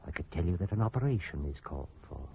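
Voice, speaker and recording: A man's voice: low-pitched, lively intonation, quick pace, vocal fry, slightly rough, narrow, tinny audio, heavily acted. An actor playing a cold, scheming male surgeon in a 1940s radio drama, heard over an old AM radio broadcast.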